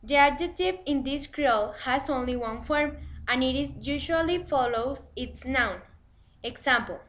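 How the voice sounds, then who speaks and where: A woman presenting a scripted language lesson, reading it aloud in a deliberate way. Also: high-pitched, animated, fairly bright tone.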